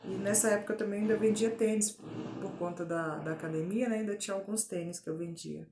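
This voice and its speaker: A Brazilian woman shares her personal faith testimony in an earnest, deliberate way, leaning on little tag fillers as she goes. Her mid-pitched voice rings in an echoey room at home. A faint hum of noise sits behind her. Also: gravelly. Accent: Brazilian Portuguese. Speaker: testimony giver. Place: at home, indoors. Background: faint drill noise.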